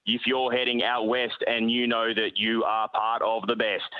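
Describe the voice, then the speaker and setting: A man who works as a platform announcer, giving a train station announcement in a slow, measured cadence. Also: mid-range voice, monotone, clean tone. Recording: tinny phone-line sound.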